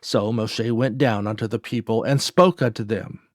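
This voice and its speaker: A man giving a measured, solemn scripted reading of scripture. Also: on the low side, no echo, clean studio sound. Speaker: scripture reader.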